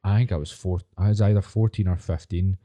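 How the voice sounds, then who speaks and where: A man's voice: sits low, fairly even intonation, fairly quick, mellow. A man with a Glaswegian accent hosting a podcast in casual chat, blunt and sweary. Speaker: podcast host.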